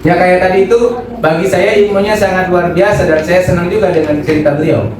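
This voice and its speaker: A man giving a religious study sermon, lively and acting out examples, often asking his audience questions. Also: high voice, quick pace, a crowd in the background. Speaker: Islamic preacher. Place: study gathering room. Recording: echoey room, distant mic, noisy.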